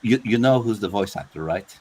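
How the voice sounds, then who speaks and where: A man co-hosting a casual gaming podcast, speaking in a measured, hesitant way full of fillers. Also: on the low side, expressive, warm tone, breathy edge, rough recording. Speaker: podcast co-host.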